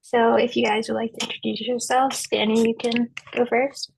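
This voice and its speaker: A woman's voice: on the high side, level tone, moderate pace, creaky, slight background noise, rough recording. A woman moderating a panel, asking questions in a friendly, hesitant way with many fillers. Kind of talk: hosting a panel discussion.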